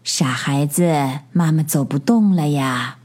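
A woman voicing a frail, gentle old mother rabbit who speaks softly and wearily. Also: low voice, pitched below the performer's own voice. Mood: tender. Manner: soft, slow and weary.

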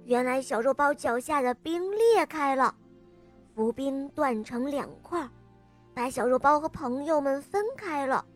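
A woman with a high-sitting, unhurried voice expressively reads a scripted story to little children. Music runs underneath her reading.

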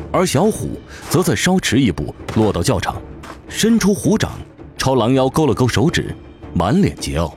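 In scripted fantasy narration, a man speaks with a medium-pitched, somewhat dark voice that rises and falls with vivid drama. Music is clearly audible behind him from start to finish.

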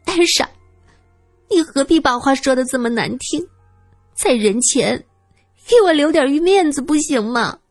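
A woman's voice: high voice, lively intonation, very fast, few pauses, soft background music, pitched above the performer's own voice. A woman voicing a timid young woman who pleads meekly, close to tears. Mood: pleading, tearful. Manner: pleading and meek. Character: timid, tearful young woman, easily frightened.

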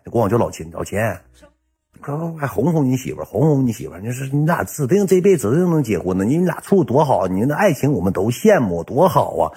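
A man's voice: medium pitch, sing-song, quick pace, mellow, husky, heavily acted. A man voicing a female friend at a dinner who coaxes him to make up with his girlfriend. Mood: coaxing. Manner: soothing, pleading.

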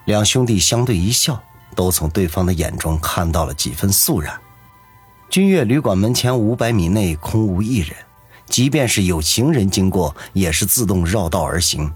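A man narrating a serialized novel with expressive storytelling. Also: sits low, normal speed, slightly rough, soft background music. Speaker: audiobook narrator.

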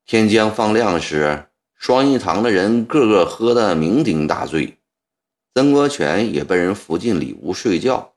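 A male storyteller reads a historical novel in a low voice. His pitch swings widely as he tells the story, and he slips into the characters' lines as they come up. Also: measured pace. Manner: lively storytelling, voicing characters' dialogue. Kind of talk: scripted narration of a historical novel.

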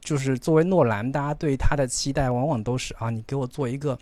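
A man's voice: mid-range voice, quick pace, darkish tone, dry recording. A man co-hosting a podcast who chats casually about films and repeats words as he thinks. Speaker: podcast co-host. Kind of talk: casual film discussion.

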